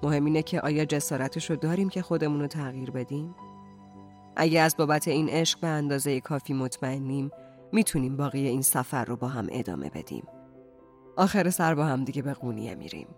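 A narrator voicing a calm, gentle male Sufi mystic who speaks softly and reflectively, over faint music. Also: mid-range voice, natural voice. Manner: soft-spoken, slow and reflective. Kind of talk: audiobook character reading.

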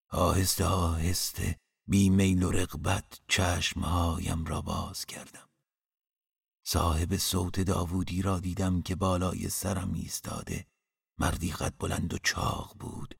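Deep, gravelly male audiobook narrator. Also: no echo, clean studio sound. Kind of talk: scripted first-person narration.

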